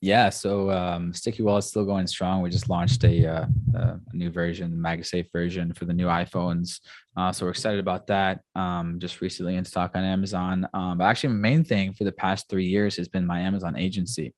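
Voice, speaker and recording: A man's voice: low-pitched, flat delivery, fairly quick, dry recording. A man as a guest in a casual interview, talking in an enthusiastic, rambling way full of "like" and "um".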